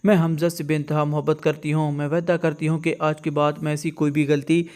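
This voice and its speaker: A man voicing a scheming young wife in a retold drama, in his own flat voice. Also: on the high side, clear, resonant tone, natural voice. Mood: pleading.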